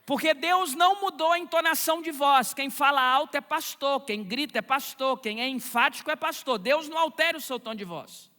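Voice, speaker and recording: A man's voice: very high-pitched, normal speed, few pauses, pushed and bright, in a large hall. A man preaching a sermon as pastor in a church, emphatic and repeating his key phrases.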